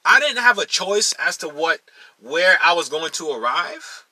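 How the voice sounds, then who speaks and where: Very animated yet measured in pace, a teacher from Maryland, USA, lectures his followers in a fairly high, husky voice with a sharp tone. He hammers home key phrases emphatically and addresses everyone as y'all. The audio is dry and poor.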